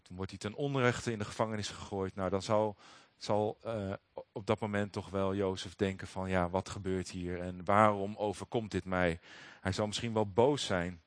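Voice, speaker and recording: Low-voiced man preaching, dry sound. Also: steady tone, moderate pace, few pauses, dry recording. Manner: hesitant, many fillers and restarts. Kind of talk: Bible reading with commentary.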